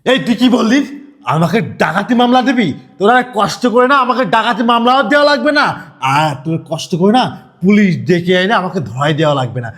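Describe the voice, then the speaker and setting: A man playing a furious, taunting husband in a melodramatic short film, his voice pitched very high and swinging widely as he shouts and goads. He barks repeated short interjections between threats. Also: big pitch swings, fast talker. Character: angry man posing as sweeper, the returned husband.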